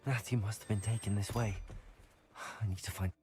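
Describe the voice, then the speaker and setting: An actor playing a determined young male student wizard in a video game, calm and earnest. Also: lowish voice, fairly quick, soft background music, close to an everyday voice.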